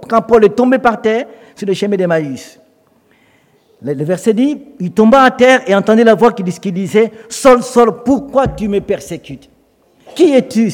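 A man's voice: high voice, long reverb tail. A man preaching a sermon in French, telling stories and acting out the voices of the people in them. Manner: animated storytelling, acts out quoted voices.

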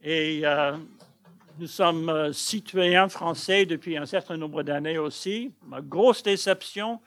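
An older man from Massachusetts with an American accent, a pastor speaking French with many halting fillers as he opens a sermon with humor. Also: on the high side, fairly bright tone. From Massachusetts, United States. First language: English. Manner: hesitant, halting, frequent fillers, self-deprecating humor. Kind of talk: sermon introduction.

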